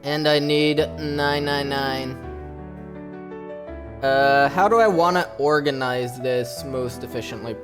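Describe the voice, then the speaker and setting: A man's voice: medium pitch, slow pace. A man streaming a speedrun, chatting casually to viewers and himself as he sets up, heard through livestream headset audio. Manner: talks to himself while setting up, hypes himself up. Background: music.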